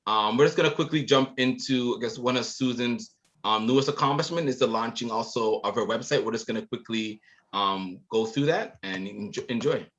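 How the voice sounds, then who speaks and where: A man's voice: medium pitch, brisk, a bit bright. A man hosting an online book launch, talking casually with many um fillers. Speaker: event host. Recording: dull lo-fi audio.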